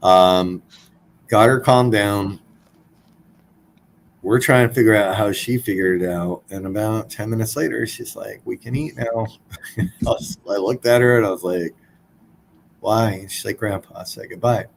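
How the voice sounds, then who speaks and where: A man's voice: fairly low pitch, unhurried, vocal fry, long pauses, a little hiss or hum, low-quality recording. A man in his forties, a podcast guest, telling a personal story in a blunt, casual way, swearing freely.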